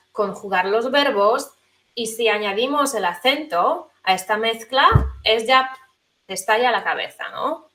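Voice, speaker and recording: Woman teacher being interviewed, mid-pitch voice, thoughtful, lots of ums and pauses. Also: a bit bright. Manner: thoughtful, hesitant, many fillers. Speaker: language teacher, interview guest. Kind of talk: conversational interview.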